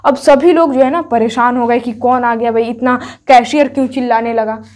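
Brief: woman teacher with a high, bright pitch, talking students through a story chapter, restating every point. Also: fairly even intonation, fairly quick. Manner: repeats each point and asks herself rhetorical questions; addresses students directly, telling them to take screenshots. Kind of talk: explaining a story chapter in an online class.

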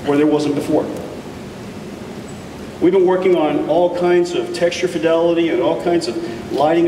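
Recorded from the crowd in an echoey hall, this keynote speaker's higher-pitched male voice comes through a distant mic amid background noise. He presents a tech keynote on a big conference stage with enthusiasm, pausing deliberately for emphasis.

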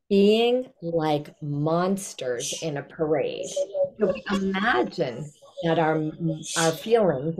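An older woman with a slightly low voice teaches young children over a video call. She explains things in simple steps and gives encouraging instructions, as an author speaking to a class. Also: a little mellow, rough recording. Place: small indoor room at home. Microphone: video call, computer mic at desk distance.

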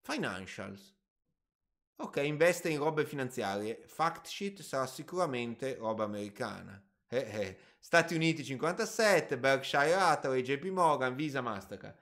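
A man's voice: mid-range voice, lively intonation, unhurried, a bit bright. A man hosting a casual live stream about personal finance, reading viewer questions aloud and answering off the cuff with hedges and asides. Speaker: finance channel host.

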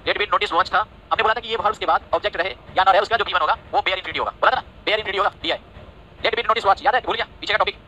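A man teaching English vocabulary in a live class, talking quickly and checking over and over that the students follow. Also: high-pitched, sharp tone, low-quality recording. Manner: rapid, repetitive checks like "ठीक है?" and "समझे?"; scolds and teases students by name. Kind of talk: online class lecture in Hindi and English.

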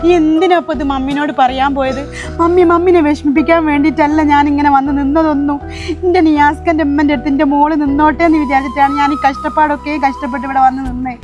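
Soft-spoken young daughter-in-law, woman, high voice, consoling, music underneath. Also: fairly even intonation, quick pace, natural voice. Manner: soothing, consoling. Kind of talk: amateur short-video drama. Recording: music clearly heard behind voice.

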